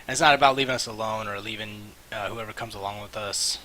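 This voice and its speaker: A man giving casual, rambling and halting commentary on a game stream, with mouse clicking behind him. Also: on the low side, fairly even intonation, pushed and bright, rough recording. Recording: hissy mic, faint background noise.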